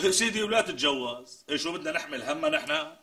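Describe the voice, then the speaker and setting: An actor playing a skeptical friend in a TV comedy sketch, reacting with exclamations and disbelief. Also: male voice, high-pitched, huge pitch swings, fast, gravelly, pushed and bright, full character voice. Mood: incredulous. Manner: exclamatory, incredulous. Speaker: comic sketch character.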